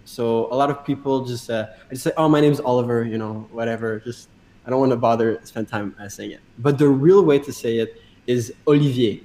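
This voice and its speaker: A man's voice: mid-range voice, a little fast, warm tone, a little hiss or hum. Friendly man. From Quebec, Canada. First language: French. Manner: friendly, laughing, repeats words. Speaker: guest, dancer. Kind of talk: casual video call chat.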